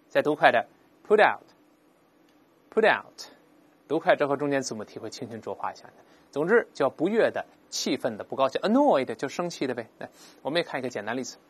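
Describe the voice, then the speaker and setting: Male English teacher, animated and fairly high-pitched, walks through grammar patiently. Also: slightly rough. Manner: explains grammar step by step, has students read aloud. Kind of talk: recorded language lesson.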